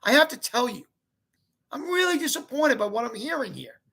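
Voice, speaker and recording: A man's voice: very high voice, big pitch swings, moderate pace, creaky, pushed and bright, slightly rough, voice pushed up, heavily acted. A man voicing a firm, disappointed mother who scolds her sons with a raised voice. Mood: scolding.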